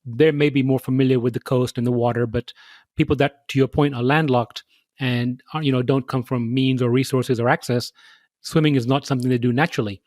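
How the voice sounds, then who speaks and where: A man hosting a podcast interview, reading measured, scripted introductions and asking questions. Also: mid-range voice, fairly even intonation, a little mellow, no room sound, clean studio sound. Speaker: podcast host.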